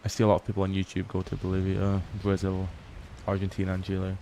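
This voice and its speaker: A man's voice: deep voice, completely flat delivery, fast, warm tone, a little hiss or hum. A tired young man casually chatting on a livestream, reading chat aloud and swearing often. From Scotland. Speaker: livestream host. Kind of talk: casual late-night stream chat.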